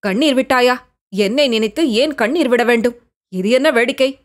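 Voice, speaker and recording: A stern older Buddhist monk, questioning sharply, as a woman narrator acts him out. The voice stays a touch high for a man. It is a storybook reading. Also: normal speed, close to an everyday voice.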